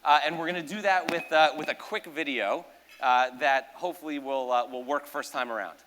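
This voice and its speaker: A man's voice: fairly high pitch, brisk, a bit bright, a little hiss or hum. Upbeat man doing stage patter. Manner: joking, self-deprecating, talks to audience. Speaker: magician performing at a gala. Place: large ballroom.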